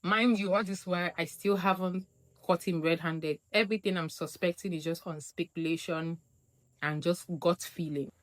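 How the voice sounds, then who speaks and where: Animated young woman telling a story. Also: normal speed, a little hiss or hum. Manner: animated, acts out quotes with big pitch jumps. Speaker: vlogger. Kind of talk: casual storytime monologue.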